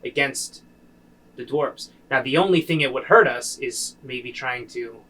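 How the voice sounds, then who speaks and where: A man voicing an earnest, soldierly middle-aged village leader who speaks softly and haltingly. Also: medium pitch, low-quality recording.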